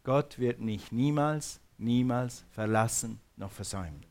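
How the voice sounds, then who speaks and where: A man's voice: mid-range voice, measured pace, darkish tone. A man preaching a sermon, fervent and repetitive, calling on the congregation to repeat words after him. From Switzerland.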